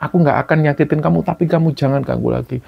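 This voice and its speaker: A man's voice: lowish voice, fairly quick, gravelly, slightly rough. A man voicing an elderly village healer who scolds a spirit sternly. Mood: stern scolding. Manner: scolding, commanding. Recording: dull lo-fi recording.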